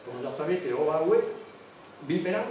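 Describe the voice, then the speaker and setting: A man's voice: a little high, lively intonation, fairly quick, darkish tone, muffled recording. A man giving a public lecture as a teacher, explaining examples and often checking in with his listeners. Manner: keeps checking in with the audience. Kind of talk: public lecture on word origins. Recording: echoey hall from far off, faint noise.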